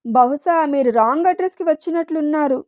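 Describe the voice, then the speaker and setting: A woman's voice: high voice, fairly quick, darkish tone, no echo, clean studio sound, close to an everyday voice. A woman voicing a defiant, sarcastic young man who answers rudeness with more rudeness in a storybook reading. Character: proud angry young man of the house.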